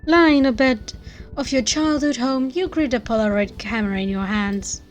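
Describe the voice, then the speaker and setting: A woman storyteller giving a dramatic second-person narration with expressive emphasis. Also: on the high side, normal speed, faint music behind.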